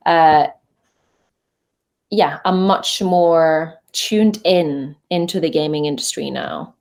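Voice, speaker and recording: Speaking from her home voice booth, a young woman from Norway talks casually as an interview guest who works as a voice actor. She has a Norwegian accent and a deep, slightly mellow voice, going slowly. Fillers and false starts crop up throughout.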